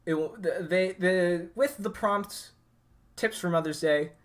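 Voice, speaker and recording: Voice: medium pitch, measured pace. A livestream host rambling through technical setup with lots of fillers before running an improv game. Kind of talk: casual livestream hosting.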